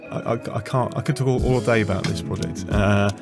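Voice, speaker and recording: A former F1 designer, now a guest engineer, chats casually in an interview, rambling and correcting himself with frequent restarts and easy laughter. His voice is on the low side and fairly quick, with music in the background.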